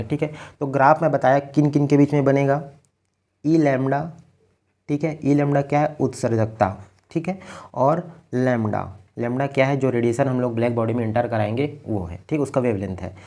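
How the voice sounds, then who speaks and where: Man, physics teacher, from India, mellow gravelly voice, slow patient lecture, checks in often. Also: mid-range voice. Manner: patient, explains slowly step by step; keeps checking in with "ठीक है". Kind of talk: blackboard lecture.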